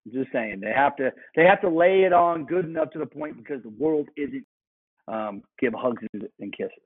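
Guy in his 30s chatting on a podcast, husky voice, sounds like a phone line. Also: mid-range voice, moderate pace. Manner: storytelling, animated asides. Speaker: guest. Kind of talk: casual chat.

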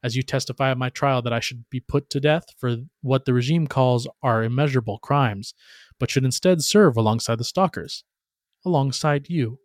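A man delivers a scripted dramatic monologue as a bitter, bloodthirsty warrior. His voice sits at a medium pitch with a solemn, theatrical weight. The sound is very dry, with no room around it. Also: no echo. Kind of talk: dramatic scripted narration in character.

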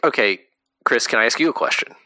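Man, casual podcast co-host, bright forward voice, dry close sound, animated and full of fillers. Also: mid-range voice, dry recording. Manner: animated, quick bursts, many fillers. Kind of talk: casual chat.

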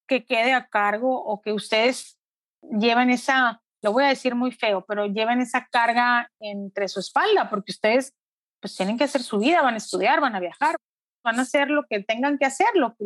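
Brief: middle-aged mother, interviewee, fairly high voice, dry close mic, earnest and reflective. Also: no room sound. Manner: reflective, earnest, often slows down. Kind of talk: emotional personal testimony.

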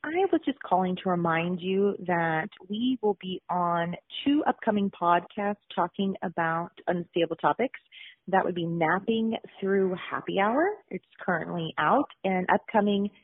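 A woman with a fairly low voice leaves a businesslike voicemail reminder for her co-host, stumbling now and then as she repeats herself. She comes through a narrow, tinny landline phone line with no room sound at all. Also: measured pace, dry recording. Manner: plain, businesslike reminder with small restarts. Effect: heard over a landline phone, as a voicemail. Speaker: podcast co-host. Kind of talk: leaving a voicemail message.

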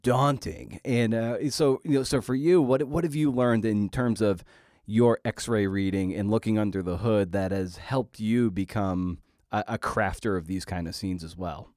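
A man hosts a podcast in a casual, rambling style, wry and self-deprecating as he wanders off on tangents while interviewing. His voice is fairly low, unhurried, and a little mellow, recorded at studio quality with no room sound.

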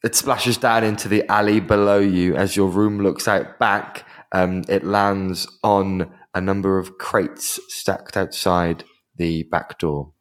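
A man's voice: sits low, steady tone, takes it slowly. A man narrating as game master of a tabletop game, loose and joking.

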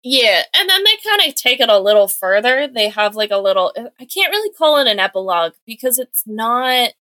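Bright-voiced woman chatting in a dry room. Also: a little high, sing-song, no echo. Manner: chatty, filler-heavy retelling with quick acted-out quotes. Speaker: podcast co-host. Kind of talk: casual chat recapping a comic book.

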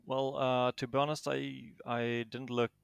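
A man's voice: medium pitch, level tone, a little slow, creaky, clean tone, no room sound. A man with a Danish accent answering interview questions casually, in a modest, hesitant manner. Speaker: interviewed tournament champion.

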